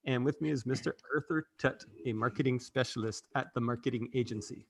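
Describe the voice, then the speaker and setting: A man's voice: mid-range voice, brisk, over loud music. A man hosting a live marketing show, upbeat and joking in casual chat. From Canada. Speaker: podcast host.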